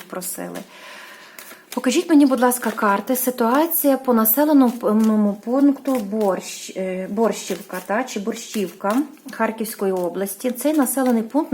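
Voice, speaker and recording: A woman's voice: fairly high pitch, a little mellow. Hesitant Ukrainian woman reading tarot. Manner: hesitant, many fillers and restarts; apologetic about pronouncing place names. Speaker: tarot reader. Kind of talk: casual tarot reading monologue.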